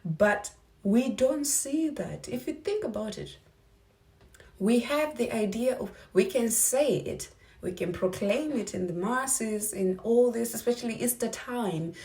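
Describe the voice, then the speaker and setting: Woman from Zimbabwe, earnest vlog talk, mellow tone, a bit off-mic. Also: on the high side, animated, measured pace, distant mic. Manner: earnest, asks many rhetorical questions. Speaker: vlogger. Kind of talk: reflective faith talk to camera.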